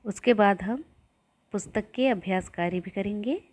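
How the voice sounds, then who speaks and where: Speaking at a medium pitch, a woman who teaches primary school leads young kids through rhymes. She breaks words into syllables with a slow, sing-song chant for them to echo back.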